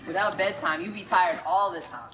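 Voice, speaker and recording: A woman's voice: lowish voice, moderate pace, lightly acted. A woman playing an earnest lawyer who addresses the court formally in a stage sketch. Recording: echoey hall from far off with noise.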